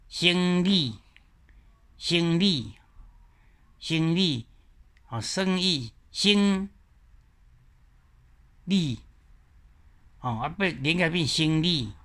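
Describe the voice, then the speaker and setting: A man with a Taiwanese accent giving an explanatory lecture, slowly repeating example words one at a time. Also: on the high side, fairly bright tone. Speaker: teacher.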